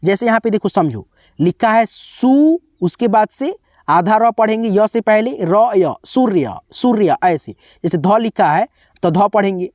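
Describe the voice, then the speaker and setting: A man's voice: sits high, a little mellow, dry recording, clean studio sound. A man teaching a beginners' spelling lesson, patiently spelling out each word letter by letter and checking in with his viewers again and again. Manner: keeps saying "okay, friends".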